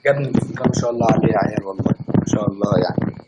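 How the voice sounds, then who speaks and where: A man's voice: lowish voice, rapid-fire, lo-fi sound, very noisy. A young man with an Egyptian accent, hosting a casual live stream and teasing his chat with mock-angry banter. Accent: Egyptian Arabic. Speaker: livestream host.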